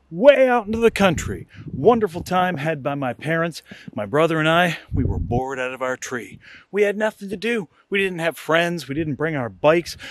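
Animated middle-aged storyteller. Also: male voice, on the high side, no echo. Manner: animated, comic, builds to excited outbursts. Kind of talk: casual spoken storytelling.

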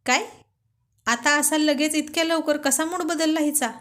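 A woman's voice: high-pitched, steady tone, normal speed, fairly bright tone, pitched above the performer's own voice. A woman voicing a playful, affectionate young husband who teases and coaxes his wife in a storybook reading. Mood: teasing. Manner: teasing, coaxing.

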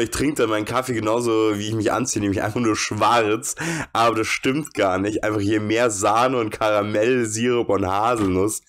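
A man commenting playfully and sarcastically while playing a horror game as a let's play host. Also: fairly low pitch.

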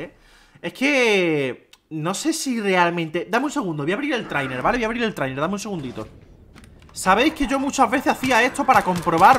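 Young Spanish man, lively gaming commentary, faint hiss on the mic. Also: sits high. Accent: Spain Spanish. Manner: excitable, swears, talks to viewers as "chavales". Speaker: gameplay streamer. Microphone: desk microphone.

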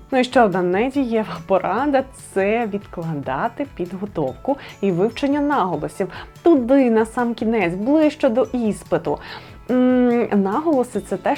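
A young adult woman teaching a lesson, explaining clearly and emphatically. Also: mid-range voice, darkish tone. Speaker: Ukrainian language teacher. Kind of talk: instructional video lesson.

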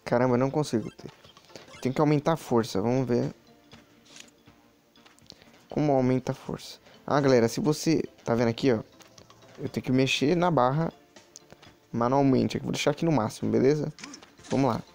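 A man's voice: medium pitch, moderate pace, vocal fry, pauses often, darkish tone, soft background music. A man giving chatty, casual commentary while playing a mobile game, talking to his viewers with many asides. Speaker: mobile game channel host.

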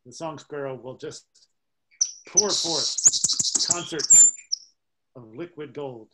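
A man with a somewhat high voice gives an informal songbird lecture, pausing on fillers as he moves through his slides. He eagerly voices bird songs himself. Steady background noise and bird recordings run under the talk. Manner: halting, with frequent "uh" fillers; enthusiastic, imitates bird songs aloud. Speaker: seminar presenter on songbirds.

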